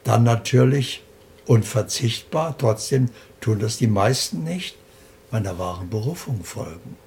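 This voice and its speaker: A man with a gravelly edge to his voice talks in a slow, deliberate way, setting out his ideas as a list. There is a faint hiss behind him. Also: medium pitch, expressive, a little mellow. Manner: slow, deliberate, explaining in lists. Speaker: interview guest. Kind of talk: calm spiritual interview talk.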